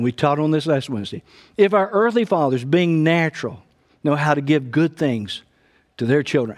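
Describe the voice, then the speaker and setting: A man's voice: fairly high pitch, darkish tone. A middle-aged male pastor preaching a sermon with fervor, often breaking in with "praise God" between his points. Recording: long hall reverb.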